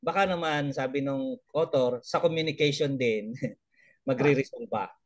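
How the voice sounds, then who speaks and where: A man's voice: mid-range voice, a little slow, no echo. A man, sharing a report in a casual video-call talk, mixing in English, chuckling and restarting his phrases. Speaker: elder trainee sharing a report.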